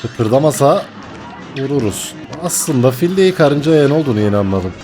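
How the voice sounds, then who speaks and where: A young man commentating his gameplay, excitable and jokey, swinging from mock panic to laughter. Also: medium pitch, normal speed, music in the background. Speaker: gaming YouTuber.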